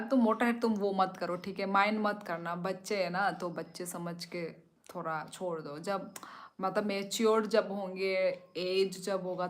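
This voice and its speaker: A young woman hosting a live stream, chatting casually and teasingly with viewers as she reads their comments, laughing often. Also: medium pitch. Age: young adult.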